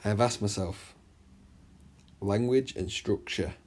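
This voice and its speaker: Revising for an exam with his class, an English literature teacher talks in a chatty manner, frequently making sure students follow and slowly reading the extract out loud. His voice is lowish, with a darkish tone.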